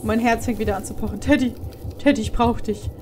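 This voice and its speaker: A woman's voice: on the high side, steady tone, brisk, darkish tone, slight background noise. A young woman commenting on a horror game as she plays, chatty and exclaiming, sometimes swearing. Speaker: let's play host.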